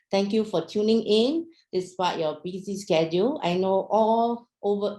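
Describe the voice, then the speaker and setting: A chatty young woman from Myanmar, raised in Singapore, gives a casual online business talk full of fillers and questions. Her low, gravelly voice has fry and a warm tone, and the room echoes around her.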